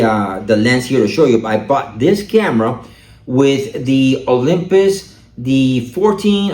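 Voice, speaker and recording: A man's voice: medium pitch, echoey room. A man vlogging about his camera gear in a casual, chatty way, often asking "all right?", recorded on a camera-mounted shotgun mic. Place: outdoors or a room, filmed by his wife.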